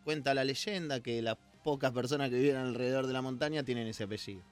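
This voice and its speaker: Rioplatense musician telling stories. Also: male voice, medium pitch, fast talker, smooth, faint music behind. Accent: Rioplatense Spanish. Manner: storytelling, jokey asides. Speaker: guest musician. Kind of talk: casual interview.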